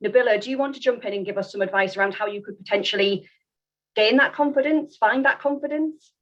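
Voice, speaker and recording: A woman's voice: fairly high pitch, fast, lo-fi sound. A woman moderating a panel, encouraging and passing questions to panelists.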